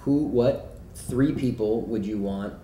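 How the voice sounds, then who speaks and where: A man's voice: mid-range voice, slow, warm tone, slight background noise. A man hosting an interview, upbeat and playful, who closes by plugging the show in an announcer-like tone. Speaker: interviewer host. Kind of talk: casual interview chat. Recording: echoey room.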